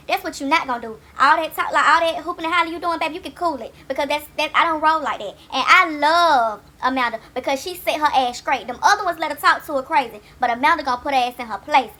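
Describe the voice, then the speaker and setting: A woman's voice: high voice, pushed and bright. A woman hosting a reality-TV recap vlog, brash, profane and opinionated in casual commentary. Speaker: YouTube reality-TV recap host.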